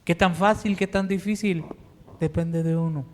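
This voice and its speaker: A pastor with a Mexican Spanish accent preaches in a church sanctuary, earnest and pleading, speaking slowly and deliberately. His voice is high-pitched with fairly even intonation, and the space gives a long reverb.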